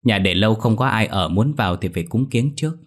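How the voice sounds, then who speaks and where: A man's voice: lowish voice, animated, quick pace. A man voicing a stern, worried elderly mother-in-law with a firm, commanding way of talking, over faint music.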